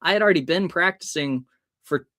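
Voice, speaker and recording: On a podcast, an American man in his early thirties brings his personal stories to life, acting out dialogue expressively. He talks briskly in a bright, forceful voice on the high side.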